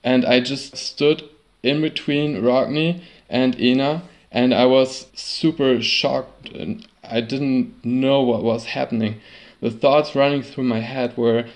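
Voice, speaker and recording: A man telling a personal sailing story in a halting way, often repeating and restarting words. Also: mid-range voice, fairly even intonation. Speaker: sailor recounting a trip.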